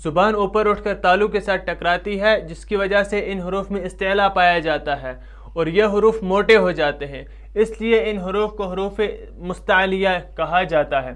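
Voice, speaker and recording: A man with a Pakistani Urdu accent teaching a tajweed lesson, patiently explaining and repeating letters loudly and slowly to model how they sound. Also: high-pitched. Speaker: Quran recitation teacher.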